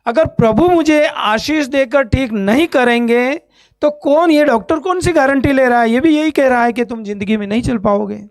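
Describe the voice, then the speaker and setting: Man from Ajmer, India, church testimony speaker, animated storyteller who acts out the dialogue, dry sound. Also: very high-pitched, normal speed, no echo. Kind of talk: spoken testimony on stage. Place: church stage.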